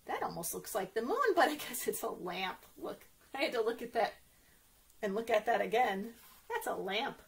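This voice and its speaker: Here a woman with a mid-range, expressive voice and some vocal fry speaks at a moderate pace. She's a children's librarian hosting an interactive story time, upbeat and sing-song, often turning to the kids with questions.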